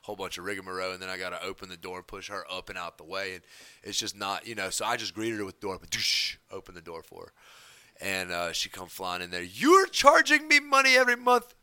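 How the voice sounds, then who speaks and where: A man, co-hosting a podcast and telling stories in a rambling, animated, slangy way. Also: deep voice, fast, clear, resonant tone, dry recording. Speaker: podcast co-host. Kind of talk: casual chat and storytelling.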